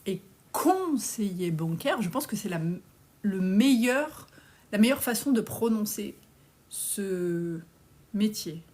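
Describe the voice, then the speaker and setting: A woman's voice: medium pitch, slow pace, pauses often, darkish tone. Blunt woman in her forties. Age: 40s. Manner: blunt and outspoken, casual slang. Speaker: personal finance coach. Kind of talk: live stream Q&A, reading viewer comments.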